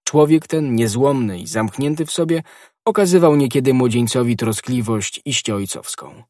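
A man narrating a classic adventure novel in a steady, expressive reading. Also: mid-range voice, moderate pace, no echo, studio quality. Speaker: audiobook narrator. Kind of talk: scripted literary narration.

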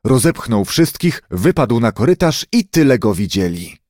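Man, storybook narrator, expressive, unhurried, animated pitch. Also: dry recording, studio quality. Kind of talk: storybook reading.

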